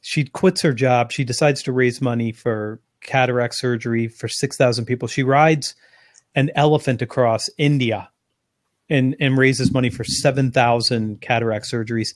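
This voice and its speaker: A man, a guest on an interview, telling an animated anecdote in long run-on phrases. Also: mid-range voice, moderate pace, dry recording, studio quality. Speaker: interview guest, sales speaker. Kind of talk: conversational storytelling.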